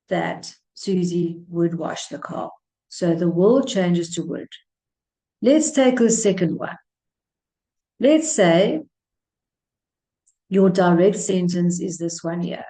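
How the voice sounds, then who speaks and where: Slow, mellow-voiced woman teaching grammar. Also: fairly low pitch, animated. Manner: patient, repeats points step by step. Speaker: English teacher. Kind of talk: explaining grammar on a slide.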